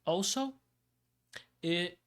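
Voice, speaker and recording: Man, from Belgium, streamer, casual rambling chat, unhurried. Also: high-pitched, expressive, fairly bright tone. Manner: rambling, laughs often, repeats himself.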